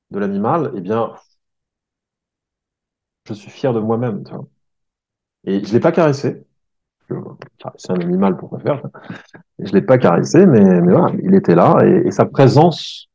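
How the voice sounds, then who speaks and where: Casting note: male travel vlogger, low and dark, rambling storyteller, dull lo-fi recording. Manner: chatty, many fillers and restarts, addresses listener as "tu vois". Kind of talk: casual storytelling to the viewer. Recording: dull lo-fi sound.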